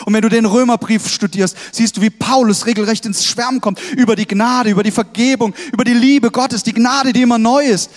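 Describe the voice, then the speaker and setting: A man delivers a sermon in a strikingly high voice, pressing his points with emphatic calls to the congregation. His words ring out with a long reverb from a large hall. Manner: emphatic, exhorting, with frequent "hey" calls to the congregation. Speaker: pastor.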